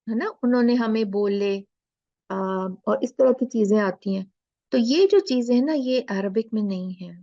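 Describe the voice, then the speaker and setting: Slow, gravelly-voiced woman teaching recitation. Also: medium pitch, darkish tone, no room sound. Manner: slow, drawn-out demonstration of letter sounds. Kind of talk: explaining a lesson. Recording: dull lo-fi recording.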